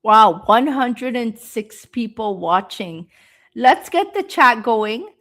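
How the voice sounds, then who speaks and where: Woman from canada, english teacher, live-stream speaking lesson, slow and patient, fairly high voice. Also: lively intonation, fairly bright tone. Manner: slow, patient explanations with frequent ums and uhs.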